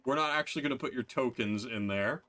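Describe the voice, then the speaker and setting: A man's voice: medium pitch, quick pace, bright, forceful tone. A man narrating a tabletop game as game master in a casual style, with fillers and laughs.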